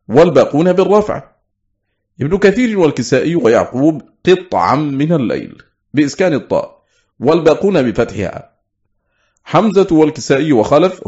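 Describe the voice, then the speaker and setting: A man's voice: medium pitch, darkish tone. Man reading a classical text aloud, muffled. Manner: measured, slows down to quote scripture phrases. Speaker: reader of a classical book.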